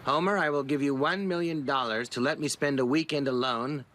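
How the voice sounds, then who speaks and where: An actor voicing a smug, awkwardly suave rich ex-suitor in a cartoon. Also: male voice, fairly high pitch, fairly quick, fairly bright tone, a little hiss or hum, close to an everyday voice. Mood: smarmy. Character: smug rich nerdy ex-suitor, middle-aged man.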